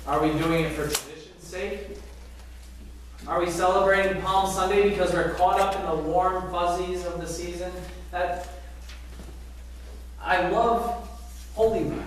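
Middle-aged male pastor, high voice, lively sermon with rhetorical questions; distant camera in a reverberant sanctuary with faint hiss. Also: measured pace, pauses often. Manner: animated preaching with rhetorical questions and arm gestures. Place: large church sanctuary, indoors. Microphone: far camera at back of church. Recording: very echoey sanctuary from far off.

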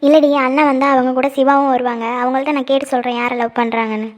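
A woman voicing a lovestruck, anxious young woman in a cartoon who hides her feelings and talks in a quick, chatty, defensive way. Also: sits high, flat delivery, lightly acted. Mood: lively. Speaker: cartoon character. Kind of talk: cartoon voice acting.

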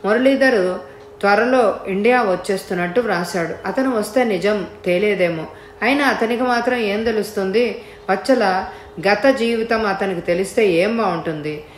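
A woman narrating an audiobook story in a steady, measured voice. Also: medium pitch, echoey room, slight background noise.

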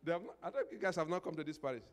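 A man's voice: a little high, animated, racing. Older male preacher in a reverberant hall. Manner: call-and-response questions, repeating phrases; emphatic, swelling into prayer declarations. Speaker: pastor. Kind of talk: preaching a sermon. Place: indoor church stage. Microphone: handheld microphone.

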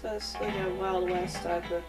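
A woman's voice: lowish voice, flat delivery, normal speed. A woman co-hosting a let's play, chatting casually and swearing freely as she plays, laughing often. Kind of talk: casual gaming banter. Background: video game music.

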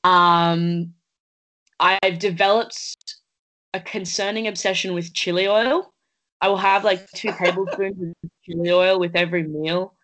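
A woman's voice: fairly low pitch, steady tone, unhurried, fairly bright tone, poor audio. A young woman in her late teens from Australia, an actress talking earnestly in a casual interview over a video call from home, thoughtful and chatty with plenty of fillers. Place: indoors at home. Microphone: laptop webcam on a video call.

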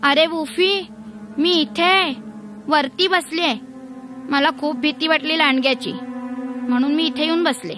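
A woman's voice: high-pitched, steady tone, measured pace, long pauses, over music. A woman voicing a scared but clever little girl in a children's story. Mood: pleading. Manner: pleading, childlike.

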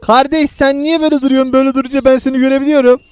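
Here a gaming-channel host talks at a very fast clip in an extremely high voice, with no echo. He keeps up excited, chatty play-by-play for viewers and pokes fun at his gaming partner.

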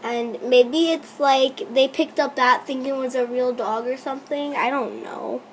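Young woman, high voice, unhurried delivery, teasing and exasperated as she reacts to a phone game; faint background noise. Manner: excitable, teasing, exasperated running commentary. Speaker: YouTuber playing a chat-story app. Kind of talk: reacting while reading a texting game aloud.

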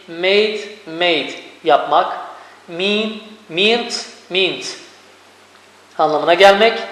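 Male teacher, high pitch, deliberate drilling delivery, reverberant room. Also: fairly bright tone. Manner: slow, deliberate drilling of each word form. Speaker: English teacher. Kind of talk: reading a verb list with translations. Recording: echoey room with long reverb.

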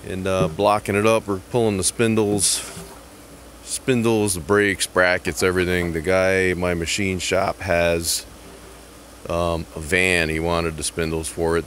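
A middle-aged man from Connecticut with a very deep, low voice chats sarcastically on a home vlog. He jokes and wanders from topic to topic. He is recorded outdoors in a gravel yard on a handheld phone, with faint background noise. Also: a bit bright. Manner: sarcastic, joking, scattered. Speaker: YouTube vlogger and truck tinkerer. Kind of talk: casual rambling vlog. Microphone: handheld phone camera, speaker off-screen.

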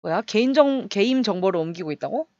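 Excitable woman narrating her gameplay. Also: mid-range voice, fast, no echo, dull audio. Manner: excitable, chatty, making sound effects while fighting. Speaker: game streamer. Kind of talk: casual gameplay commentary.

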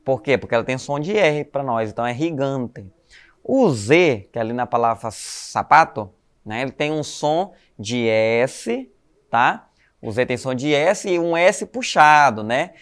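Teaching Spanish to schoolchildren in a recorded online lesson, this animated, medium-pitched man has a Brazilian Portuguese accent. He explains things patiently, often ends sentences with "né?" or "tá?", calls the class "galerinha" and slowly spells out letters.

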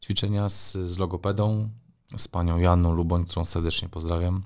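A middle-aged man with a very low voice speaks as an interview guest. He answers with care, pausing often on fillers as he works through his thoughts. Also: level tone, a little mellow. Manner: thoughtful, with frequent hesitations and fillers. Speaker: sports journalist, guest.

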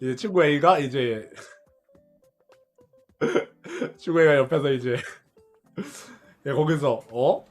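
A man's voice: on the high side, extremely slow, long pauses, faint music behind. A young man streamer casually telling a story to his viewers, laughing often, repeating himself and swearing along the way.

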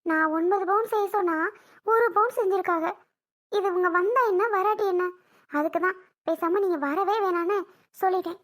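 Woman doing a very high-voiced young mom from a family drama skit, emotional and repetitive. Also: moderate pace, pauses often, a bit bright. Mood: bitter, aggrieved. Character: anxious young mother wronged by her brother's family.

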